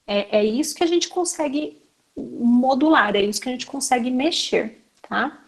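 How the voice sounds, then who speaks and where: Her voice sits high with lively intonation at a normal speed. This Brazilian woman, accented in Brazilian Portuguese, teaches educators in a conversational lecture, chatting away, speaking straight to the audience and filling gaps with frequent fillers.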